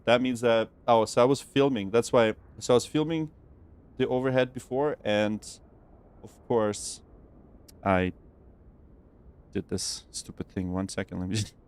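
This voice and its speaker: A man's voice: fairly low pitch, darkish tone, clear, resonant tone. A young man streaming a flight simulator, talking casually and cheerfully to his viewers, rambling with fillers as he works. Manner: chatty, upbeat, rambling with fillers and self-talk. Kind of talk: casual livestream commentary.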